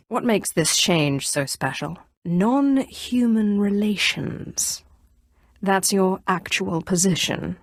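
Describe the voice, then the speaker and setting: A woman's voice: on the low side, husky, dry recording, studio quality, exaggerated voice. A woman voicing an imperious, sardonic female Sith lord in a video game, speaking with haughty, cool menace. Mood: stern, sardonic. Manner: haughty, coolly threatening, dryly sardonic. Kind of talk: video game character voice acting.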